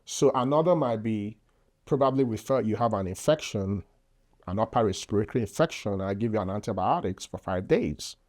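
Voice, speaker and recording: In a mid-range, slightly mellow voice, a Nigerian man with a Nigerian accent talks as a podcast guest. The physician explains things earnestly in a casual interview, often using fillers.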